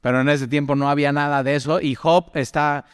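A man gives a conversational Bible talk, often turning to the listener with questions and stories from his own life. His voice is smooth and clean, with a long trailing reverb behind it. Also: fairly high pitch, steady tone, a little fast, studio quality. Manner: chatty, asks the listener direct questions, tells personal stories. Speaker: Bible teacher.

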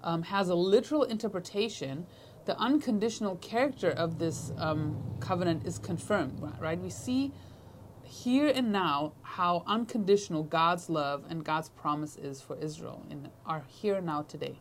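A woman teaching a Bible class in short, measured phrases, pausing often for an interpreter. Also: fairly low pitch, a little hiss or hum. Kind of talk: Bible lesson with consecutive interpreting.

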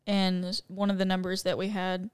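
A woman's voice: on the low side, completely flat delivery, moderate pace, clear, resonant tone, dry recording, studio quality. A woman co-hosting a podcast in casual chat, laid-back with frequent "like". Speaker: podcast co-host.

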